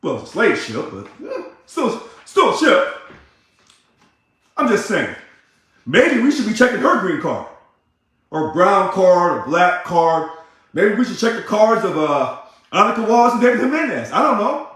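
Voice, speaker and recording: A man, an ousted union leader, delivering a combative, sarcastic ranting monologue that repeats itself and bursts into shouting. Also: high voice, very animated, unhurried, pauses often. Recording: very echoey room.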